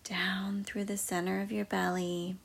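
A woman guiding a meditation in a soft, slow, mostly whispered voice. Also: mid-range voice, little pitch movement, gravelly, slightly rough. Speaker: meditation guide. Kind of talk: guided meditation.

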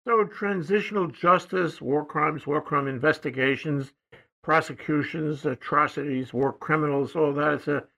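A man hosting a talk show, interviewing a guest over a remote call in a halting, rambling way full of fillers. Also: on the high side, gravelly, pushed and bright, low-quality recording. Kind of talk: casual interview. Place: studio in Hawaii.

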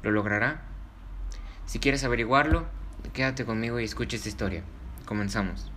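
A man's voice: mid-range voice, moderate pace, bright, forceful tone, slight background noise. A man presenting scripted stories in the manner of a kids show host, addressing children directly. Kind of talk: scripted story introduction. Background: music.

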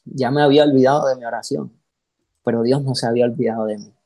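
Dark-voiced man telling a testimony. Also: medium pitch, fast, dry recording, low-quality recording. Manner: animated storytelling, acts out quoted voices, repeats words. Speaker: pastor, interview guest. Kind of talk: emotional personal testimony.

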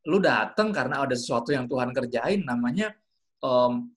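A man's voice: mid-range voice, normal speed, husky. A man in casual faith talk, telling stories in colloquial slang and acting out what people said. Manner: animated storyteller, acts out quotes.

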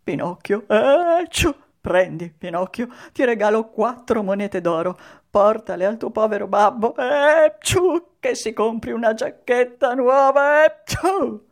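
A woman voicing a huge, gruff puppet master in a storybook reading, bellowing slowly and loudly. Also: medium pitch, voice pushed up, lightly acted. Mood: relenting. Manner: bellowing, slow and loud, sneezing.

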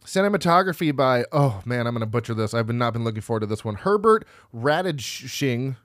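A man's voice: mid-range voice, steady tone, very fast, a bit bright, no echo, studio quality. A man co-hosting a podcast, casually reading through film credits, rambling and laughing at himself as he stumbles over names. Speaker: podcast co-host.

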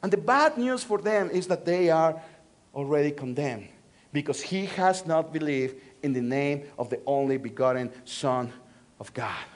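A man's voice: on the high side, moderate pace. A male pastor from Mexico City with a Mexican Spanish accent, preaching a sermon with call-and-response and repeated phrases. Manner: call-and-response, repeating phrases with swings between loud and soft. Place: church.

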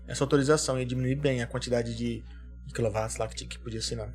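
A young man chatting casually, telling animated stories and swearing freely. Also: mid-range voice, racing. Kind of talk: casual chat.

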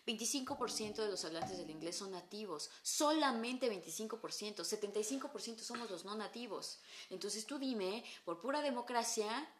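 A woman with a Mexican accent, an English teacher, talking in a casual, animated conversation and swearing freely with slang. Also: mid-range voice, moderate pace, echoey room.

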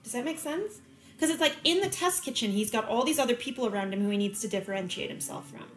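A woman with a somewhat high voice chats casually on a podcast. She is animated and keeps correcting herself. The room is echoey, with faint music underneath. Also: quick pace. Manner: chatty, self-correcting, animated. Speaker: podcast guest. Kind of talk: casual chat. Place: dining room table.

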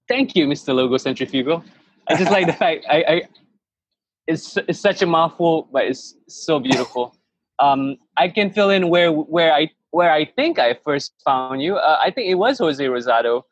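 A man in his thirties who grew up in Malaysia appears as a podcast guest in a casual interview chat, telling his story with rambling enthusiasm and many restarts. His voice is fairly high-pitched and expressive at a moderate pace. The recording is lo-fi, with no room sound.

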